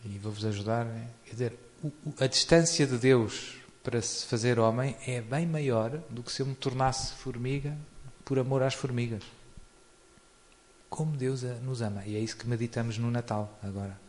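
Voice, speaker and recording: In a medium-pitched, steady, darkish voice at normal speed, this man delivers an informal spiritual talk with a European Portuguese accent. As a religious speaker, he keeps it conversational, tacks on frequent tag questions, and chuckles often as he explains, over a slight hiss or hum.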